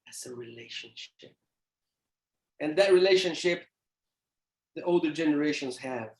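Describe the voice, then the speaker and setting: Animated Brazilian man in an echoing church. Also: on the high side, measured pace. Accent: Brazilian Portuguese. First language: Portuguese. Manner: animated, exclamatory, playful. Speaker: theologian lecturer. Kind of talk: church lecture. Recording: echoey church hall.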